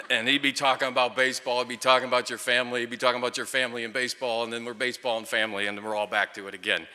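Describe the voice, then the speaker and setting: At a ceremony, a middle-aged man who once played and coached gives a storytelling tribute speech full of wry, dry humour. He speaks into a microphone to an audience in a large hall with long, echoing reverb, his medium-pitched voice flat, bright, forceful, and rapid-fire.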